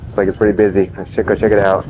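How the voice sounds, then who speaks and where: A man's voice: deep voice, flat delivery, racing, mellow. A man from the United States, a travel vlogger, chatting casually with lots of fillers while walking around a windy harbour. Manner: chatty, thinks aloud with fillers. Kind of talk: casual vlog narration. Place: outdoors on a windy harbour pier.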